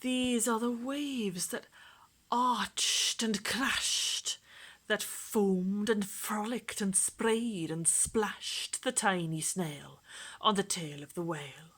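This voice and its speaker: A woman reading a children's rhyming picture book aloud in a put-on, lilting Welsh accent, gentle and rhythmic, often dropping to a soft whisper. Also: mid-range voice, slow pace, breathy edge. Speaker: storytime reader.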